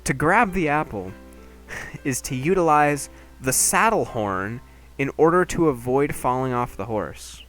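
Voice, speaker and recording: A young man chats casually and jokingly as he streams a game, his pitch bouncing lively from line to line. His voice sits mid-range, with faint game music playing behind him. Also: measured pace. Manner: chatty, jokey, animated.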